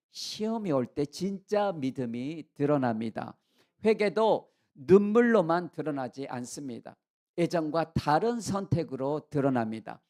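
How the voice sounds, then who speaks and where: A male pastor preaching a sermon, telling the story in an animated way with sound effects and questions to the congregation. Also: a little high. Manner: asks the congregation questions and leads shared reading.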